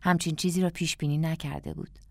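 A woman narrating an audiobook in a calm, reflective storytelling manner. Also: deep voice, creaky, dry recording, studio quality.

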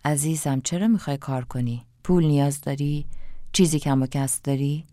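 A woman's voice: deep voice, steady tone, mellow, dry recording, clean studio sound, lightly acted. A woman voicing a stern, controlling elderly mother-in-law who scolds and guilt-trips. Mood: chiding.

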